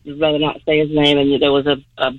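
Over a muffled phone line to a radio program, a middle-aged caller recounts something from her own life, wandering earnestly as she goes. She has a low voice, speaks quickly in a level tone, and the sound is dry.

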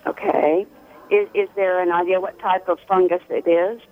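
A woman's voice: lowish voice, steady tone, normal speed. Woman caller on a tinny speakerphone. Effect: speakerphone over a phone line. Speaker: radio caller. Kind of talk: call-in radio question. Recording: tinny phone line.

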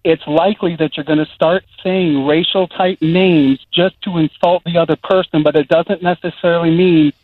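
A man's voice: on the high side, steady tone, moderate pace, hardly any pauses, no room sound. A man in his forties calling in to a radio show, defensively protesting and stumbling over his words. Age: 40s. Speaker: caller. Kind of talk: heated phone-in argument. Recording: tinny phone line.

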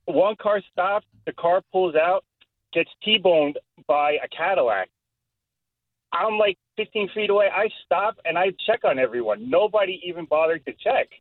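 A man calling into a show on a speakerphone, telling his story in a rambling, halting way. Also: sits high, lively intonation, no echo. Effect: speakerphone call. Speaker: caller. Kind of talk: casual call-in chat. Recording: tinny dry phone line.

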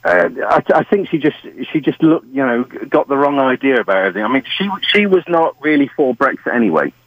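A man's voice: mid-range voice, very animated, fast, no room sound. A British man calling into a talk show on a crackly phone line that fades in and out, talking hesitantly and often saying "like I say". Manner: hesitant, restarts often, repeats "like I say". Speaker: caller. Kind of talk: phone-in chat. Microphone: phone handset. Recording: muffled dry phone call.

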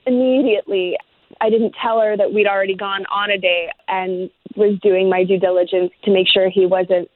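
A woman's voice: mid-range voice, steady tone, normal speed. A woman talking to a radio show over the phone, guarded and blunt. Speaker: person called on air. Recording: tinny phone line, dry.

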